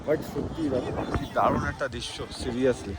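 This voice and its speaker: A man with a Bengali accent vlogging from a snowy mountain pass. He talks slowly and is short of breath from the altitude, with a dry throat, breaking into excited exclamations. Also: medium pitch. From Bengal, India. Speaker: travel vlogger. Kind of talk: casual vlog walk-and-talk. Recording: wind noise on the mic outdoors.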